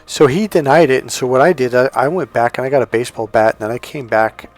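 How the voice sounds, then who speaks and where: A man's voice: mid-range voice, fast talker, faint music behind. A middle-aged American man telling personal stories casually, wandering off on tangents and speaking straight to the viewer. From California, United States. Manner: conversational, digressive, addresses viewer directly. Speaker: dating coach telling personal history. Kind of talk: casual autobiographical storytelling to viewers.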